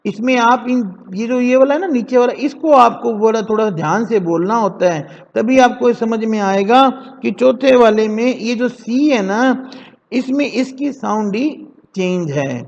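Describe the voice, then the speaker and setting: Guy teaching kids english, says each word slow so they repeat it, high voice, echoey dull sound. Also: vocal fry. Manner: repeats words slowly for pupils to echo. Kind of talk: classroom lesson for children.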